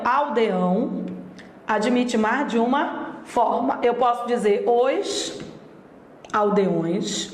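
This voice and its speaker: A woman teaches grammar at a slow, deliberate pace, stretching out each example word. Her voice sits fairly high. The recording has a roomy echo. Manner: speeds up for asides and exam tips.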